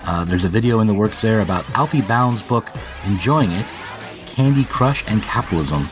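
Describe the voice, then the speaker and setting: Measured podcast host, man. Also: lowish voice, expressive. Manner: measured, scripted intro then loose, halting chat. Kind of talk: podcast intro and interview. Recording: faint music under the intro.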